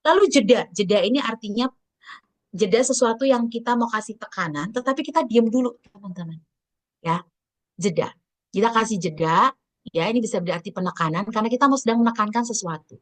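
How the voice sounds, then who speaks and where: A woman leading a public speaking training over a video call, varying her pitch and volume on purpose and calling on participants by name in a chatty, teacherly way. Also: brisk. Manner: lively, swings pitch and volume on purpose to demonstrate. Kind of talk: online training lecture.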